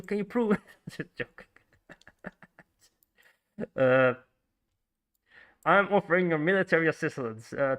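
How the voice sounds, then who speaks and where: A male streamer with a Frisian Dutch accent gives laid-back commentary while playing, chatting with his viewers, greeting chat, and thinking out loud. His voice sits a little high with some brightness, and his speech is full of fillers and restarts.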